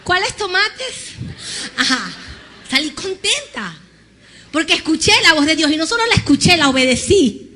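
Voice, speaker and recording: A woman pastor preaching an animated sermon, acting out conversations and having the congregation repeat after her. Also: high voice, fairly quick, a little hiss or hum. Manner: animated storytelling, acts out dialogue with God.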